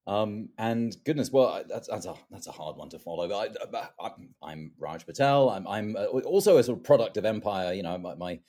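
Deep-voiced man, stammering restarts. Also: fairly quick, few pauses. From London. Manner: animated, many restarts and stammers. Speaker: author and activist. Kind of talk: interview conversation.

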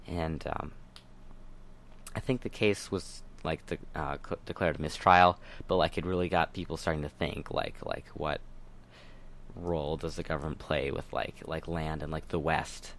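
A young man with an extremely deep, low voice chats casually as a podcast co-host. He rambles and hesitates, stopping often to hunt for words. A faint hiss sits under his voice. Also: fairly even intonation, normal speed, a bit bright.

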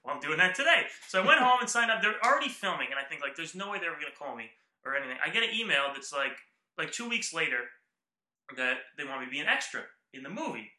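Man, podcast co-host, quick and animated storyteller, high bright tone, roomy echo. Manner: animated, acts out quoted lines. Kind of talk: casual chat, storytelling.

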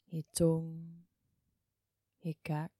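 A woman guiding a relaxation meditation in a soft, hushed, near-whispered voice, soothing and unhurried, with long pauses. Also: low voice, completely flat delivery, no echo, clean studio sound. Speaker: yoga and meditation guide.

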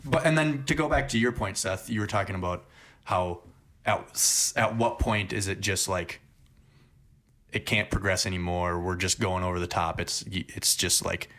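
A man's voice: low-pitched, moderate pace, a bit bright. A man co-hosting a casual discussion, sharing his opinions in a reflective way. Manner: reflective, offers opinions thoughtfully.

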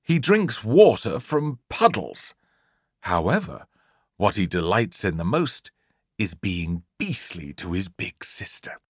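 In a deep, husky, sing-song voice at a slow pace, an English-accented man narrates a comic children's story as an audiobook, stretching out key words with theatrical emphasis. The recording is dry and studio quality.

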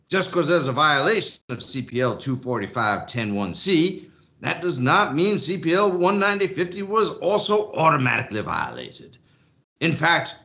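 A man's voice: mid-range voice, creaky, sharp tone, full character voice. A man voicing a stern, folksy rural judge who lectures in a country drawl. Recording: muffled lo-fi audio.

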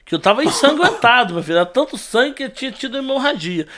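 Animated Brazilian man telling a wild story. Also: very high voice, fast talker. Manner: animated, exaggerated storytelling with shrieked voices. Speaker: storyteller guest. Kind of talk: casual chat.

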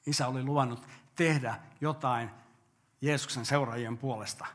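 A man's voice: mid-range voice, fairly even intonation, a bit bright. An older male pastor preaching a sermon earnestly, asking rhetorical questions and answering them.

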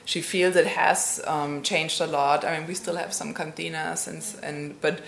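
A woman's voice: sits low, flat delivery, a little slow, vocal fry, roomy sound, slight background noise. A woman interpreting for a local resident in a hesitant, conversational way. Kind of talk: casual interpreting.

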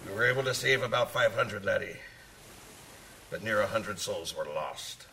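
An actor playing a gruff, hearty old sailor who savors short phrases as he spins dramatic tales of the sea. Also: on the low side, normal speed, sharp tone, distant mic, slight background noise, low-quality recording. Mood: grave storytelling. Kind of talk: dramatic audio storytelling.

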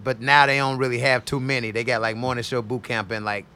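A middle-aged man who works as a radio DJ, talking loosely in a casual interview and telling drawn-out stories. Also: mid-range voice, level tone, pushed and bright, a little hiss or hum. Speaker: radio DJ guest.

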